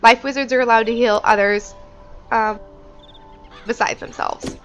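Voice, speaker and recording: A woman's voice: fairly high pitch, fairly even intonation, a little slow, fairly bright tone, clear, resonant tone, dull audio, faint music behind. A woman hosting a casual game walkthrough on a headset mic, chatty and informal, thinking aloud as she goes. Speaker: gaming video host.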